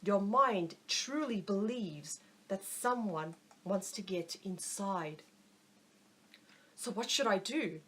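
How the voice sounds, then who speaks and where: A woman reading as a calm lady doctor. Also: medium pitch, takes it slowly, breathy edge, heavily acted. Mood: calm, instructive. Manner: steady, instructive, reassuring. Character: calm female doctor giving advice. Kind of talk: audiobook narration.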